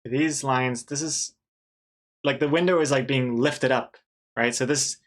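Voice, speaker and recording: A livestreaming artist in his thirties speaks in a medium-pitched, steady, unhurried voice as he draws and chats casually with viewers, often making fun of himself.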